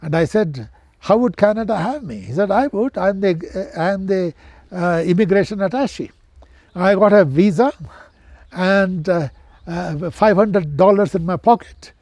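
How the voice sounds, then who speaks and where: A man of ninety with a posh Indian accent, reminiscing as an interview guest in an educated, measured way with hesitant pauses. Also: sits high, a little mellow, no room sound. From central India. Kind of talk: reminiscing in conversation.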